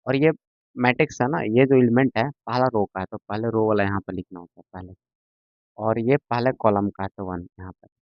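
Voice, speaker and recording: A man's voice: on the low side, fairly even intonation, fairly quick, no echo. Patient male maths teacher, lo-fi. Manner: patient, repetitive, keeps checking students understand. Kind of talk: classroom lecture. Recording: dull lo-fi sound, dry.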